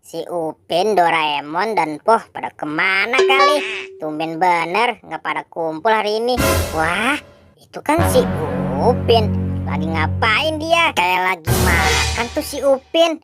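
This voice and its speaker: A woman's voice: on the low side, lively intonation, unhurried. A woman voicing Boboiboy, a cautious boy who keeps scolding his friends with fussy warnings. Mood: worried. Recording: loud music underneath.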